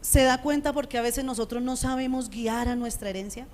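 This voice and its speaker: A middle-aged woman pastor preaching a sermon in a conversational way, often checking in with her listeners, with a strong, loud voice. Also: a little high, a little fast, slight background noise. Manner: conversational preaching, frequent rhetorical checks with the congregation. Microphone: radio studio microphone.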